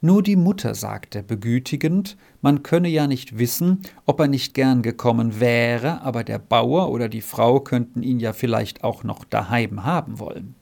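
Gravelly man narrating a storybook. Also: medium pitch, normal speed, hardly any pauses, a little mellow.

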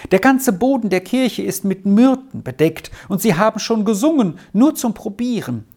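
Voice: medium pitch, lively intonation, normal speed, a little mellow, pitched above the performer's own voice. A reader voicing a sturdy, broad ten-year-old boy who is pushy and mocking, in a storybook reading. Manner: insistent, teasing.

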